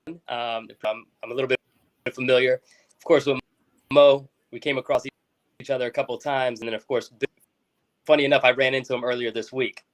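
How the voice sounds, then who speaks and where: A young man from South Florida, a school board member appearing as a guest, talks casually in an interview with many restarts and fillers. His voice is mid-range and the audio is poor.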